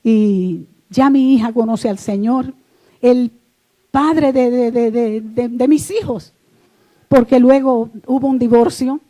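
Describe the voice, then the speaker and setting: A middle-aged woman shares her religious testimony in an earnest, emotional way, circling back and repeating phrases as she goes. Her voice sits a little high but sounds warm and mellow. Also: slow pace. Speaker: church member giving testimony.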